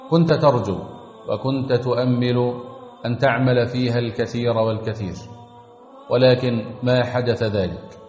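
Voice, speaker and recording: A man's voice: medium pitch, darkish tone. A man preaching a sermon, exhorting his listeners with earnest, rhythmic repetition. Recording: echoey long reverb, dull sound, faint music.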